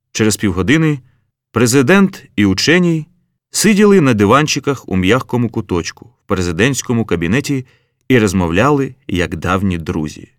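Low-voiced male audiobook narrator. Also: dry recording, studio quality. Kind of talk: scripted narration.

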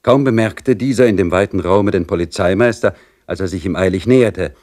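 A man reading a literary story aloud in a measured, dramatic storytelling manner. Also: low-pitched, darkish tone. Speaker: audiobook reader.

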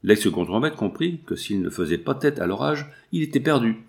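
A man's voice: medium pitch, expressive, moderate pace, gravelly. Man narrating a novel. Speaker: audiobook reader. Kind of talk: scripted narration.

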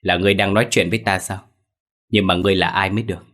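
A man voicing a stern, weary old male exorcist master who talks in gruff, commanding village speech. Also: sits low, fairly even intonation, racing, a bit bright.

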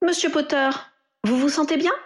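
A woman's voice: high voice, fairly even intonation, normal speed, voice pushed up, close to an everyday voice. A woman voicing a polite, attentive nurse.

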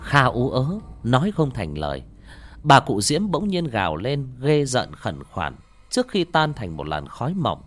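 A man's voice: medium pitch, huge pitch swings, unhurried. A man narrating a horror story with dramatic, swinging intonation.

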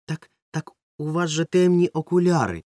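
A man's voice: on the high side, lively intonation, normal speed, darkish tone, dry recording, studio quality, pitched above the performer's own voice, lightly acted. A man voicing a timid young boy who stammers when caught off guard, in an audiobook. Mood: flustered. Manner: stammering, flustered. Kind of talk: audiobook character voice.

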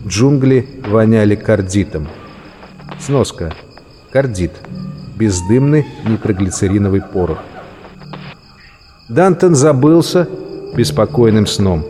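A man reading a story aloud as an audiobook narrator, measured and expressive. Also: lowish voice. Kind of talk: scripted narration. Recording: long reverb with music and crickets.

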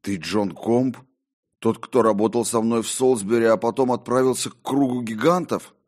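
A man's voice: mid-range voice, normal speed, darkish tone, pitched above the performer's own voice, lightly acted. A man voicing a terrified medieval mason who speaks strained, pleading and crying out, in an audiobook. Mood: frightened desperate. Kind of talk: audiobook character voice.

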